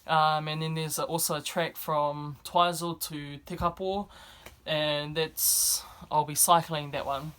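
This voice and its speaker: A woman's voice: low-pitched, fairly even intonation, takes it slowly, fairly bright tone. Young New woman. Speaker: vlogger. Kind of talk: casual vlog talk to camera. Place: indoors, speaking to camera.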